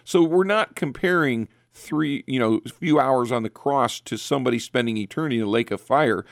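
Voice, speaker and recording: A man's voice: mid-range voice, normal speed, vocal fry, no echo, clean studio sound. A man earnestly explaining theology on a talk show, repeating phrases for emphasis. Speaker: guest Bible teacher.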